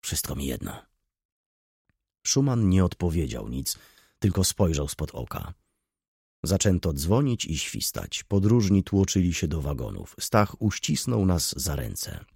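A man narrating a classic novel as an audiobook, in a measured, expressive way. His voice is deep and gravelly with a husky grain, and the pitch moves a lot. The recording is close and dry. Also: no echo.

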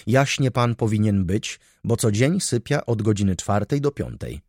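A man's voice: lowish voice, lively intonation, moderate pace, a little mellow, dry recording, studio quality, pitched above the performer's own voice. A man doing a haughty, bossy valet. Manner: haughty, condescending, commanding. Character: pompous, bossy male valet, self-important.

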